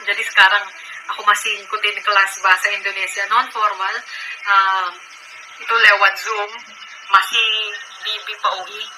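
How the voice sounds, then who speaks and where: A woman's voice: medium pitch, level tone, moderate pace, pushed and bright, a little hiss or hum, low-quality recording. A young Filipino woman with a Filipino accent, a foreigner speaking fluent colloquial Indonesian in a casual vlog style. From Philippines. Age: young adult. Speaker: language student making videos.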